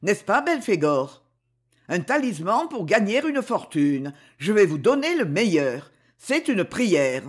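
A man doing Lorenzo, a grave slow sorcerer. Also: high-pitched, very animated, heavily acted. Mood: solemn. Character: male sorcerer, calm and solemn. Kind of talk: audiobook reading.

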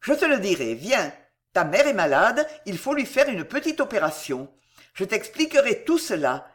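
A calm, kindly engineer who coaxes a frightened boy along in a gentle, soothing voice, read out by a storybook narrator. His lines stay close to the narrator's own lively telling. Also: medium pitch, normal speed.

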